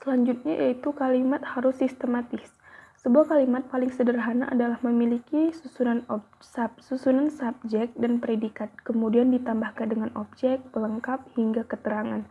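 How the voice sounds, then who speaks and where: Young woman reading class notes, kinda husky, tinny phone-like sound, bit high. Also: steady tone, normal speed. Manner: careful, evenly paced reading with small slips. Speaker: university student presenter. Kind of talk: reading a lesson aloud.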